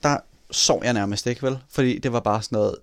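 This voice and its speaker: A man in casual chat telling a personal story in an animated way, swearing casually. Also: medium pitch, dry recording, studio quality.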